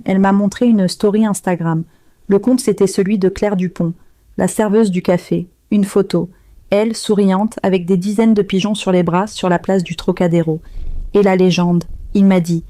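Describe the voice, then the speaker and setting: A woman narrates a first-person story in a dark, mellow voice, slow and subdued. The sound is dry and close, with no room around it. Her delivery stays measured throughout. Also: medium pitch, dry recording.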